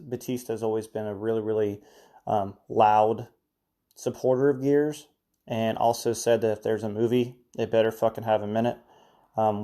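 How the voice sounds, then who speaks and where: A man with a mellow, relaxed voice chats casually through gaming news on his podcast, filling pauses with ums and uhs. He sounds a little under the weather, chewing cough drops as he talks. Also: medium pitch. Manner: rambling, chatty, filler-heavy news recap. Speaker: podcast host. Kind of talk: casual solo podcast chat.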